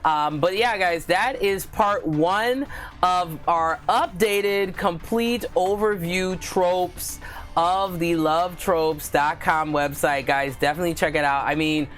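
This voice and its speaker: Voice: medium pitch, slow pace, a bit bright, soft background music. Host of a book channel; casual, filler-heavy live chat, gushing and giggly. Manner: chatty, filler-heavy, keeps addressing viewers as guys.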